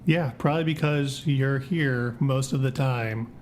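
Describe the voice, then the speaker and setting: A man's voice: a little slow, darkish tone, natural voice. A man playing a terse, easily rattled brother in an audio drama, with curt, stammering, repetitive casual talk. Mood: dry, impatient. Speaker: co-host character, the host's brother. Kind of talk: audio drama acted as casual podcast chat. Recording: noisy, rumbling background.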